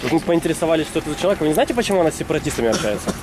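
Very fast man firing questions. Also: a little high, expressive. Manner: rapid, probing, pointed questions. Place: outdoors on a street. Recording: noisy outdoor street recording.

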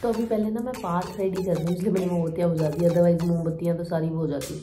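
A woman's voice: fairly low pitch, steady tone, fast, background noise. A woman in her thirties chatting casually as a family vlogger, mixing in English words. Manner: chatty, switching between Hindi and English. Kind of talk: casual family vlog chat.

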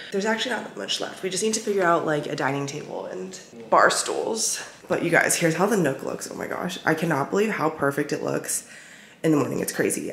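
A chatty young woman vlogs to camera, gushing and peppering her talk with fillers. Her voice sits a little low, and it rings with the roomy echo of a half-empty apartment. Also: a bit bright, slight background noise. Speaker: lifestyle vlogger. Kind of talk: casual vlog talk to camera. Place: apartment rooms.

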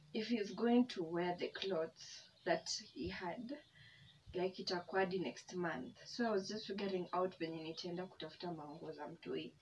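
A young woman with a Kenyan accent chatting casually to her viewers while eating, grateful and open. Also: mid-range voice. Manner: chatty, code-switching, emotional and grateful. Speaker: vlogger. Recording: distant mic, dull sound, faint background hum.

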